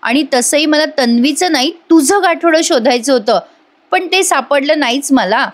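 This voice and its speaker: A caring young husband, calmly puzzling things out for his wife, as a woman narrator voices him. The line comes high and slightly lifted, close to her own telling voice. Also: moderate pace. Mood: earnest. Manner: reassuring, thinking aloud.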